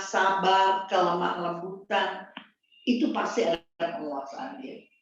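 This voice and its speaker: A middle-aged woman preaching a sermon, blunt and emphatic, repeating her key phrases. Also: fairly low pitch. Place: church hall. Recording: distant, dull, very echoey room.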